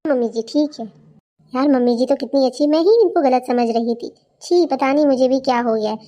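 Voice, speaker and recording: A woman's voice: high voice, fairly quick, mellow, lightly acted. A woman voicing a frustrated, overworked young daughter-in-law in a cartoon, speaking in a complaining, plaintive way. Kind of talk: cartoon voice acting.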